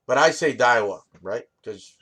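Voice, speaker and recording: A man's voice: fairly high pitch, animated, a little slow. A man from the United States casually showing fishing rigs, rambling with fillers and restarts and often asking the viewer "right?". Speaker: fishing channel host. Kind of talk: casual gear demonstration.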